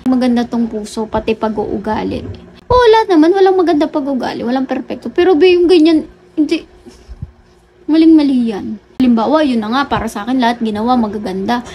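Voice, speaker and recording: Blunt high-voiced woman lecturing. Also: animated, a little fast, dark tone, a little hiss or hum. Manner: blunt, lecturing, swears casually. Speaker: vlogger. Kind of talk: casual rant to camera.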